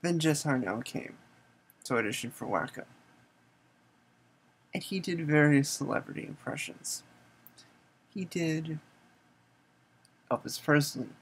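A man's voice: a little high, expressive, measured pace, pauses often, a bit bright, slightly rough, low-quality recording. A man hosting an educational explainer video, speaking plainly and steadily in a General American accent. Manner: plain explanatory delivery, no put-on voices. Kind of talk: explainer monologue.

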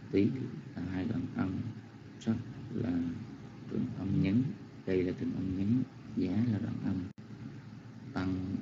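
A man reciting a Pali verse and explaining its syllable lengths in a slow, careful, deferential manner over an online call. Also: sits low. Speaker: student reciting scripture. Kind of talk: chanting and analyzing a Pali verse. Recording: dull online call audio with loud noise.

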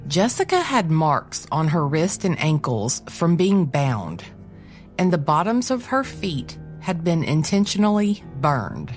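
A woman hosting and narrating a true crime show in a measured, scripted delivery. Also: low voice, very animated, faint music behind. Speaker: host, narrator.

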